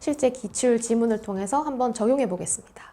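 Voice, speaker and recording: A woman's voice: a little high, fast talker, dark tone. A woman teaching an exam-prep English lesson in an emphatic, coaching way. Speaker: English tutor.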